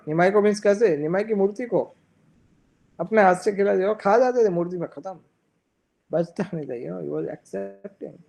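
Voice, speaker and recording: A man's voice: high voice, normal speed, creaky, a little mellow, rough recording. A man telling a religious story in a sermon, slipping in English phrases and acting out the characters' lines. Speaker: speaker giving a religious discourse.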